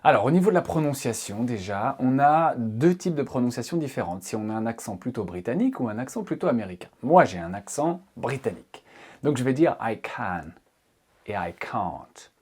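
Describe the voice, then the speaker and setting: A man giving a video lesson, explaining grammar as an English tutor in an expressive teaching voice. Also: medium pitch, a little fast, slightly rough. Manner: lively, expressive teaching voice with frequent fillers.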